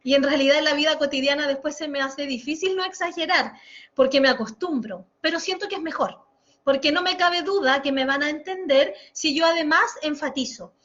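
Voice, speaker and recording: A Chilean woman leading an online workshop lesson, articulating with deliberate exaggeration and answering viewer comments as she goes. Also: sits high, a bit bright. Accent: Chilean Spanish. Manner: reads viewer comments aloud and responds. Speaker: workshop instructor. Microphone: computer mic, recorded lesson. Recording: dull lo-fi screen recording.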